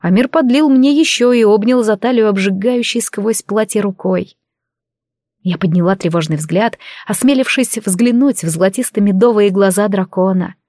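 Woman, audiobook narrator, fantasy story, expressive, mid pitch, dry close sound. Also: moderate pace, no room sound.

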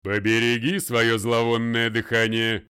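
A man's voice: medium pitch, clear, resonant tone, lightly acted. A man doing a thundering stern old lawyer. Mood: furious. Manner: loud, commanding, slow and deliberate. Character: stern, domineering older male lawyer, a father. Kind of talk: audiobook character voice.

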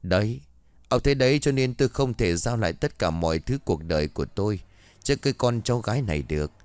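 A man's voice: on the low side, expressive, fast talker, darkish tone, no echo, lightly acted. A man playing a stern old exorcist. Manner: scolding, stern.

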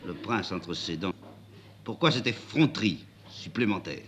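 A man's voice: sits low, lively intonation, measured pace, a bit bright, a little hiss or hum. A man reading a haughty young prince. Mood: irritated. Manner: stiff, ironic, mannered speech.

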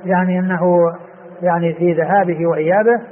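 A man giving a classical Arabic lesson on hadith, explaining in an unhurried way, repeating phrases and using many fillers. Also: sits high, steady tone. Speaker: hadith teacher. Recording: tinny phone-like lo-fi recording with faint hiss.

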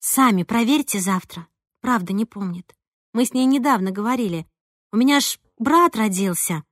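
A woman reading a first-person audiobook in an expressive, lively way. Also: medium pitch, normal speed, dry recording, clean studio sound. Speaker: audiobook narrator.

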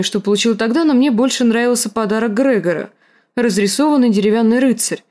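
A woman reading an audiobook, voicing a scarred, bitter, hulking male warrior with a rasping, gruff, slow and menacing delivery. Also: fairly high pitch, a little mellow, lightly acted.

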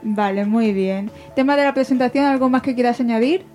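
Una mujer española que conduce un pódcast en tono de charla informal, preguntando con frecuentes reinicios. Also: female voice, on the high side, fairly quick, darkish tone, soft background music. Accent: Spanish from Alicante. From Spain. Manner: chatty, asks questions with frequent restarts. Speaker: podcast host. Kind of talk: casual podcast interview.

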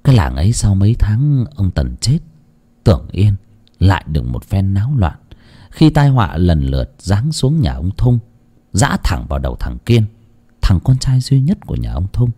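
Expressive male horror storyteller. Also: moderate pace, slightly rough. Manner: expressive, swings between hushed low and raised tones. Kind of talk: dramatic horror story narration.

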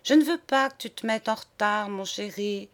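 A woman's voice: medium pitch, animated, slow pace. A woman voicing a doting cook in her forties who pleads in a plaintive tone.

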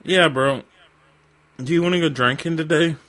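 A man speaking through a voice changer that shifts his voice down deep, playing a brash, pushy prank caller who talks in crude bro slang. The sound is bright and edgy, and it is close and dry, with no room around it. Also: normal speed, dry recording. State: drunk. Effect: voice changer pitching his voice deeper. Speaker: prank caller, radio show host. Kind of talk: prank phone call.

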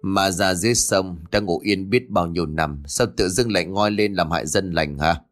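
A man's voice: low-pitched, normal speed, faint music behind, close to an everyday voice. A man playing a stern older male exorcist who gives firm orders. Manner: stern, commanding.

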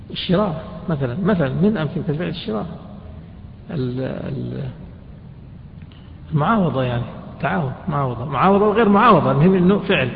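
A man's voice: on the high side, creaky, slight background noise. A man teaching a jurisprudence class, often quizzing his students with questions and colloquial asides. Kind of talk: classroom lecture explaining a text. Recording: dull reverberant lecture hall recording.

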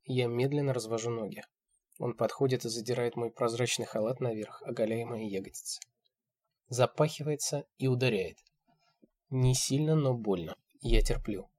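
Husky male audiobook narrator. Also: mid-range voice, normal speed, a little mellow. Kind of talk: first-person audiobook narration.

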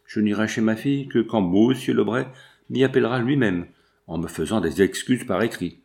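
A man's voice: on the low side, moderate pace, creaky, darkish tone. A man reading the lines of a proud, vindictive woman of sixty in a novel, indignant and cold.

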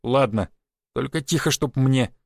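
A man's voice: medium pitch, unhurried, gravelly, no echo, studio quality. A man voicing a stern, stout middle-aged female train conductor in an audiobook. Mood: warning. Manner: strict, scolding, then mocking.

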